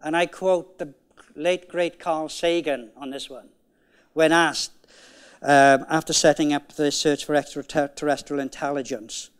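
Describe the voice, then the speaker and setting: A man's voice: a little high, steady tone, a little slow, smooth. A man giving a conference keynote talk in an emphatic, conversational way, often repeating key phrases. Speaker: keynote speaker. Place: conference hall.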